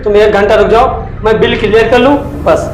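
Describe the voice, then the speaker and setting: A man's voice: high-pitched, echoey room, over music, close to an everyday voice, rough recording. A man playing a busy, dismissive husband who is focused on his work. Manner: dismissive, hurried.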